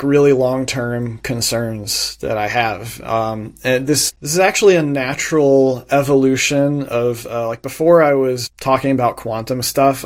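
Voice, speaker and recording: Man, mid-pitch guest for interview, thoughtful explainer, measured delivery, frequent restarts. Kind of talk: explanatory conversational interview answers.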